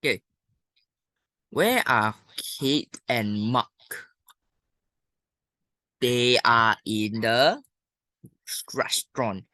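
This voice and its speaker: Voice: medium pitch, expressive, very slow, pauses often, bright, forceful tone, no echo. A teacher with a Malaysian or Singaporean English accent, talking informally through lesson exercises and thinking aloud with colloquial particles. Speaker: primary school English teacher.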